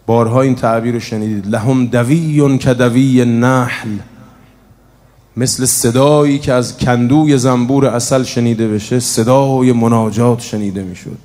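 Male preacher, mellow storytelling voice, sermon recorded with long hall reverb. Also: mid-range voice, steady tone, few pauses. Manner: storytelling, soft-spoken then emphatic. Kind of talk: religious sermon. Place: religious gathering hall.

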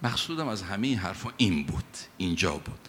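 A man preaching a sermon, telling stories with emphatic rises in loudness. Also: low-pitched, sing-song, slight background noise. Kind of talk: sermon with storytelling. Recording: long hall reverb.

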